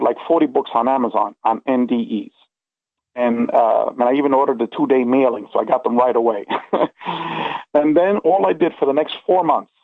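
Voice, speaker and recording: A middle-aged man with a medium-pitched voice and some vocal fry tells a personal story as an interview guest, casual and rambling but earnest. He stresses his points emphatically and checks in with "okay" and "you know" to make sure the listener follows. The recording is dry, over a tinny, phone-like line.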